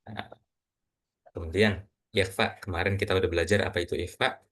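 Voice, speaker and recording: A man teaching Quran reading to a class, quizzing students and slowly reciting example words. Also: low-pitched, steady tone, fairly bright tone. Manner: patient, asks students questions, models recitation slowly.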